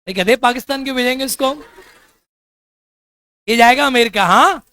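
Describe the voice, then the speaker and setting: An extremely high-pitched male voice, bright and forceful, delivers a classroom lecture at a moderate pace without echo. He quizzes the class over and over, asking students to repeat answers, and keeps up a stream of teasing and jokes as he explains.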